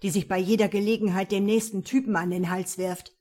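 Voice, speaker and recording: A woman reading aloud and voicing a violent, jealous man who snarls and shouts his accusations. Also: mid-range voice, fairly even intonation, brisk, lightly acted. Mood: furious. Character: jealous, violent adult man, menacing and possessive.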